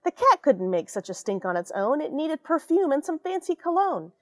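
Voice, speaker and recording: With a high, sing-song voice at normal speed, an astronaut in her forties from America reads a picture book to children. The dry, studio-quality recording comes from a small space station airlock packed with gear, and she reads expressively, with dramatic stresses and friendly remarks to young listeners.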